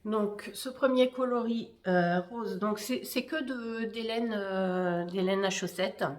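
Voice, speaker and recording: A woman hosts a casual knitting video chat at home. She speaks slowly and hesitantly, filling gaps with fillers and restarting her sentences. Her pitch sits in a middle range. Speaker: knitting podcaster. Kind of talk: casual show-and-tell chat.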